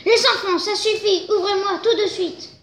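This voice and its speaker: A woman putting on a locked-out mother calling loudly. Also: high voice, fairly even intonation, moderate pace, a little hiss or hum, natural voice. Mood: scolding. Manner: pleading then scolding through a letterbox, loud and raised. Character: exasperated mother locked out, calling to her children. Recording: roomy echo.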